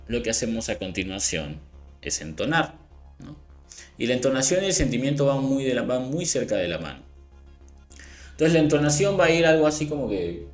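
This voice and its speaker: A man teaching a language lesson in a relaxed explanatory way, often checking in with the listener and slowing down to model phrases. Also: medium pitch. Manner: conversational, frequent rhetorical "¿no?" and "¿vale?" checks; slowed careful demonstrations of phrases. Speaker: English teacher. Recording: faint background music.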